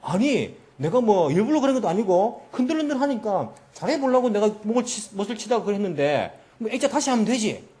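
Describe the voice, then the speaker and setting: A man's voice: high voice, sing-song, a little fast, few pauses, mellow, pitched above the performer's own voice. A man voicing an indignant middle brother who defends himself and shifts the blame onto the others. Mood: aggrieved. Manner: complaining, self-justifying.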